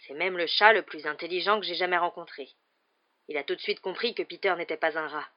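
A woman voicing a gaunt, haunted escaped man with a hoarse voice, in a dull, muffled audiobook recording. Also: on the low side, brisk, lightly acted. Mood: grim.

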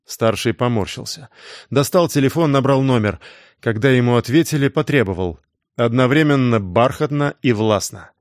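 A male audiobook narrator with a middling pitch, reading in a brisk and wry way. The recording is close and dry, with no room sound at all. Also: no echo. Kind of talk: scripted narration.

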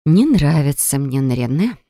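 A reader voicing a worried, gentle older wife and mother who speaks cautiously, in an audiobook. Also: mid-range voice, big pitch swings, moderate pace, no room sound, clean studio sound. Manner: cautious, soft-spoken. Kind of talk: audiobook character voice.

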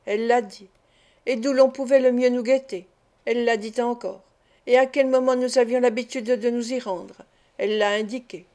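A woman reading aloud, voicing a sleepy young man who reports events flatly. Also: fairly high pitch, natural voice. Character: sleepy young male informer, plain.

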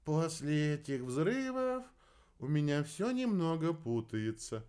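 Drawling, absent-minded astrologer, pitched up and slowed down, put on by a male reader. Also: very animated, a little mellow, clear, resonant tone. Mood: vague, drawling. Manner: slow, drawn-out, raised pitch. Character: eccentric befuddled male astrologer, slow and vague.

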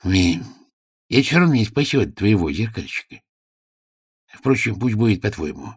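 A man voicing a vain, capricious, suspicious little male king in an audiobook drama, with a husky low voice. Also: big pitch swings, moderate pace, no echo, clean studio sound, exaggerated voice.

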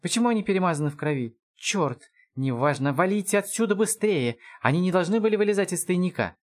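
A man voicing a furious male elf father who yells in a high, frantic voice. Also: lively intonation, fast, natural voice. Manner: shouting, frantic, high-pitched.

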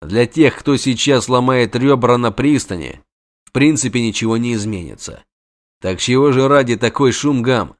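A man voicing a calm, laconic male monster hunter who speaks flatly and without hurry. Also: lightly acted. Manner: flat, low, unhurried and dry.

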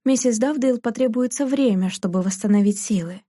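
A woman reading aloud, voicing a male doctor who speaks in a measured, firm way. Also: a little high, warm tone, no echo, studio quality, lightly acted. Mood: firm calm. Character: calm, serious family doctor, man.

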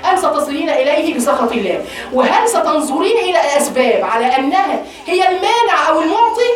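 A woman's voice: high voice, slight background noise. A woman with an Egyptian accent giving a religious lesson to women, asking questions and answering them herself. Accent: Egyptian Arabic. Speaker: religious teacher. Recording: echoey room, voice far from the mic.

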